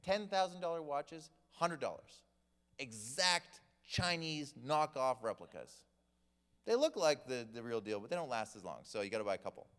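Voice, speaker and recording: Animated male storyteller in a reverberant hall. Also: mid-range voice, normal speed, clear, resonant tone. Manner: animated storyteller, acts out quoted people. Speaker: church class teacher. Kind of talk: humorous teaching talk to a group. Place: church hall.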